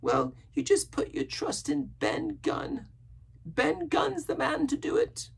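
A man's voice: very high voice, huge pitch swings, takes it slowly, gravelly, pitched above the performer's own voice, exaggerated voice. A man voicing a half-crazed, sly and pious marooned sailor in a storybook, with a strained, cracking voice and rustic pirate grammar. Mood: coaxing.

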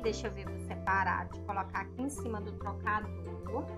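A woman's voice: medium pitch, moderate pace, loud music behind the voice, voice pushed down, close to an everyday voice. A woman voicing a young mother in a storybook role-play, cooing sing-song baby talk at her infant. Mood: doting, fussing. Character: young mother, proud then tender, doting.

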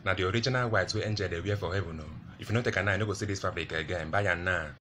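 Comedy sketch, pushy market hawker in Nigerian Pidgin, played by a man, low voice, hard sell. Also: very fast, fairly bright tone, slight background noise. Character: pushy male street fabric seller.

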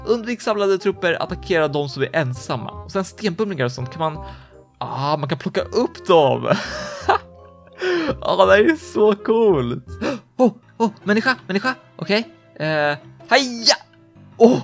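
A young-sounding man with a fairly high voice narrates his game live, reacting quickly and eagerly to each moment. Soft music plays faintly beneath his commentary. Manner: excitable, quick reactions, gasps and laughs. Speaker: gaming YouTuber. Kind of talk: excited gameplay commentary.

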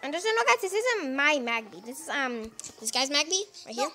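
A high-pitched woman with a bright, sharp tone narrates her gameplay in a loose, rambling way, stopping and restarting often. She hosts her own gaming channel and speaks into a phone set down nearby, with faint music playing behind her. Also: sing-song, fairly quick. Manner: rambling, full of fillers and restarts. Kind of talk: casual gameplay commentary.

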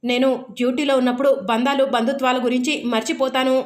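A woman's voice: high voice, little pitch movement, fast, echoey room, natural voice. Woman reading out a stern duty-bound police officer.

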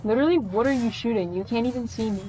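A woman streaming a video game, chatting casually, laughing often and yelling at enemies. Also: a little high, quick pace, rough recording. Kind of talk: casual gameplay chat.

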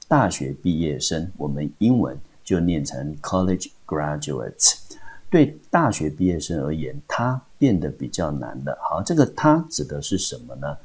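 A man's voice: rumbling low, darkish tone, husky. A man from Taiwan, an English teacher, giving a patient step-by-step vocabulary lesson and asking himself questions as he explains.

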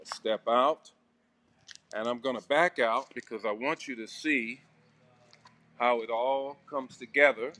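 A man's voice: medium pitch, slow, pauses often, bright, forceful tone. Upbeat man on a walking site tour. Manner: upbeat, conversational, many fillers. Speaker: church leader giving a construction tour. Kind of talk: casual walkthrough video. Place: indoor and outdoor building site. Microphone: phone camera held while walking.

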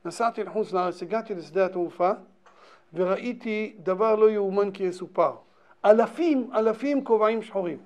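A man, a rabbi, giving a Torah lesson and telling a story in an animated way, repeating phrases for emphasis. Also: high voice. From Israel.

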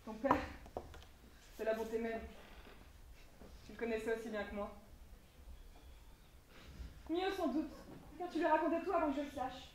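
High-voiced haughty mother, acted by a woman on stage. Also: steady tone, normal speed, pauses often, lightly acted. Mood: dismissive. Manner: projected, imperious, cutting. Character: haughty, sardonic mother of a bourgeois household. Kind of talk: amateur stage comedy acting. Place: theatre stage, indoors. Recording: echoey theatre stage, distant mic, faint noise.

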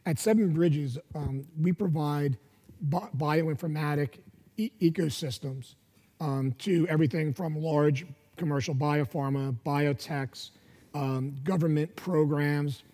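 A man in his fifties speaking as a panelist at a conference, halting with many fillers, on a headset mic in a large hall. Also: fairly high pitch, warm tone. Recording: long hall reverb.

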